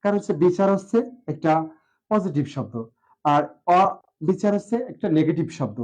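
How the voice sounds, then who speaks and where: A male teacher with a Bangladeshi Bengali accent gives a classroom lecture on pronunciation, slow and deliberate, drawing out example words and pausing with "ah" fillers. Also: high voice, lively intonation, darkish tone, low-quality recording.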